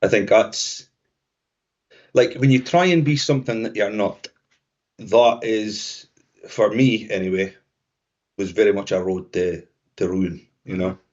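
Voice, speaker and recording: Scottish male co-host, low-ish voice, thoughtful and halting, dull lo-fi recording. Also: darkish tone. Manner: reflective, trailing restarts. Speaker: podcast co-host. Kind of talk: casual conversation. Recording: dull lo-fi sound.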